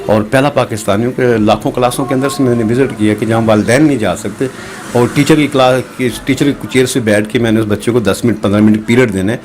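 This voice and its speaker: A man's voice: mid-range voice, fairly even intonation, darkish tone, a little hiss or hum. A man, a voice mimic, giving earnest, rambling answers in an interview. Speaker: voice mimic guest.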